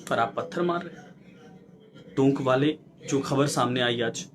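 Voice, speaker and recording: A man's voice: mid-range voice, measured pace, a crowd in the background. A male news anchor giving an impassioned, preachy commentary, exhorting viewers and firing off rhetorical questions.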